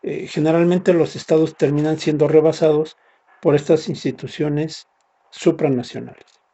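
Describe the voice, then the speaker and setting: A man's voice: a little high, steady tone, normal speed, dark tone, husky, highs cut off. A man giving a recorded university lecture, explaining step by step and often ending points with a tag question. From Mexico.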